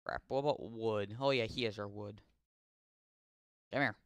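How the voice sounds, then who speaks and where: A young man casually commenting on his gameplay, chatting to in-game characters and yelling curses when startled. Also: fairly low pitch, moderate pace, vocal fry, smooth, dry recording, studio quality. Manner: yells and swears when startled. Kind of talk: casual let's-play commentary.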